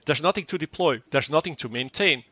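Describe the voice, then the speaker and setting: A tech company guest whose native language is Dutch explains a technical product in an interview. His bright, forward voice is a little high and brisk, and the recording is dry and close. He speaks fluently but doubles up words and acts out short exchanges.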